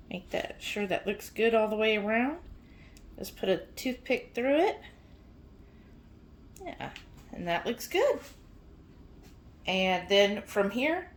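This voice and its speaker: A woman talking viewers through cooking steps as a cooking show host, in a folksy, informal, chatty way. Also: on the high side. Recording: loud frying sizzle and kitchen noise. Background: food sizzling in a skillet, stirring.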